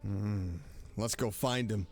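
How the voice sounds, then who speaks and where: With video game music behind him, a male VTuber game streamer speaks slowly in a lowish, darkish voice. His gameplay commentary is casual and playful, full of exclamations and repeated lines as he plays.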